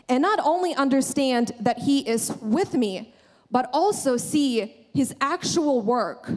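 A young woman delivers a sermon from a large church stage. Her voice sits a little high, and her earnest, conversational delivery is full of restarts and asides. She speaks into a handheld microphone.

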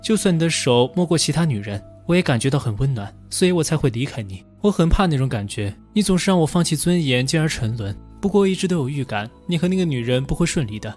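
A man's voice: a little high, lively intonation, quick pace, hardly any pauses, darkish tone, faint music behind, natural voice. A man voicing a young woman who is a lovelorn former lover, reading her lines plainly without changing his voice. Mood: tender.

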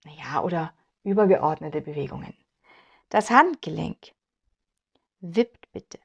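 A woman with a German accent gives a piano tutorial, patiently explaining and demonstrating at the keyboard as piano plays in the background. Her voice is deep, creaky, and husky, animated but a little slow, and the audio is dull.

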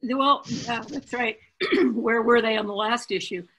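A woman runs a council meeting over a video call, with a bright tone and a slightly husky edge. She moves through motions briskly and cracks small jokes along the way. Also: fairly high pitch, rough recording. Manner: joking, brisk, chatty. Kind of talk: casual meeting chairing.

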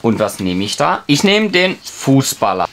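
A father plays a children's board game with a child at an indoor table, explaining it casually, patiently and encouragingly. His medium-pitched voice swings widely in pitch, sounds fairly bright and moves a little slowly, over a faint hiss or hum.

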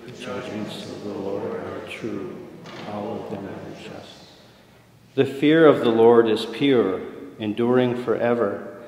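A man reading scripture aloud at Mass as a deacon, with a measured, formal cadence and a long cathedral echo around his voice. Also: on the low side, fairly even intonation, darkish tone. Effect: cathedral echo, long church reverb. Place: large church. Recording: echoey large church with long reverb.

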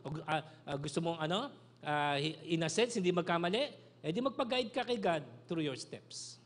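A Filipino pastor in middle age delivers a lively sermon, switching between Tagalog and English at a moderate pace. He calls for amens from the crowd and softens into a low, quiet voice for his key phrases.

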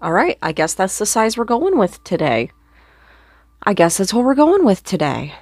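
In a sing-song, medium-pitched, slightly mellow voice that is a bit sore, a young woman chats through her makeup at a moderate pace, teasing herself as she goes. It's a casual get-ready-with-me vlog from a small red-curtained bedroom, recorded close on a boom-arm desk mic with no room sound and faint music.

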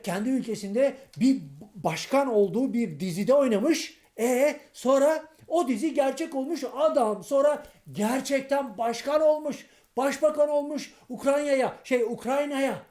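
A man's voice: high voice, dark tone, echoey room. A man playing a muddled, indignant man-on-the-street in a comic monologue, rambling, tripping over his words and scolding as he goes. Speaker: comedian playing a street character.

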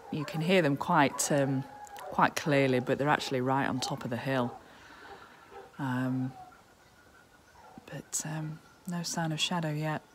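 A vlogger with a deep voice talks worriedly into a phone she holds at arm's length for a casual vlog. Background noise runs under her words, and the clip moves between the countryside outdoors and her home indoors.

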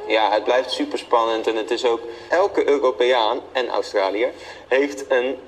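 A young man talks as the guest in an interview, answering modestly and a little hesitantly. He fills his pauses and agrees readily with the interviewer. His pitch is in the middle range for a man. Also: low-quality recording. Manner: modest, hesitant with many fillers and short agreements. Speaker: guest singer. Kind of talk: casual interview.

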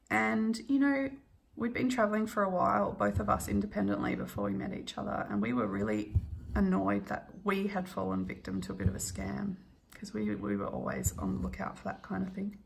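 Chatty woman with a gravelly creak. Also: mid-range voice, a little hiss or hum. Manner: chatty, laughs often, frequent ums. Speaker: cross stitch vlogger. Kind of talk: casual storytelling while stitching.

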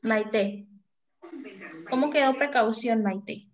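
A woman is teaching a class of young pupils over a video call. She speaks slowly and patiently in a fairly high voice, calling on each child by name and sounding out syllables for them. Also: a crowd in the background. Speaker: primary school teacher. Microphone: video call microphone.

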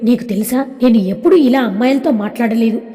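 An earnest young college man who courts with soft sincerity and a gentle tease, as a woman narrator puts him on. The voice sits fairly high and mellow rather than bright. It rings with a long hall reverb. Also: quick pace, natural voice.

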